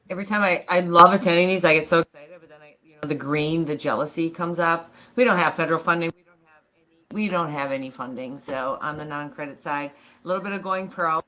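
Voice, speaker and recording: A woman who works in college workforce training, chatting eagerly in a roundtable on a video call while her mic keeps cutting in and out and her volume jumps loud and soft. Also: low voice, brisk, poor audio. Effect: mic cutting in and out, volume jumping loud and soft. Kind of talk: casual roundtable discussion.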